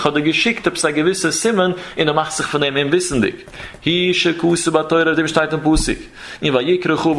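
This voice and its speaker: Male Torah teacher, slightly high voice, chanted Talmudic lecture delivery. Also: fairly bright tone. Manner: sing-song study chant, reading Hebrew passages and explaining them.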